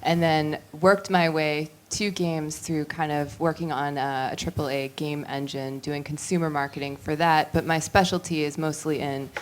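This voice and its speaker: A woman speaks in front of an audience, introducing her professional background. Her pitch is very low for a woman, and the live room adds faint noise. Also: fairly even intonation, normal speed, few pauses. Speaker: chief marketing officer, panelist.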